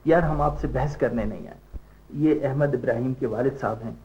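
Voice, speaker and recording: An actor playing a barrister who speaks calmly, firmly and formally. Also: male voice, mid-range voice, normal speed, dull audio, natural voice. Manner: calm, firm and formal. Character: composed middle-aged barrister pressing for a release.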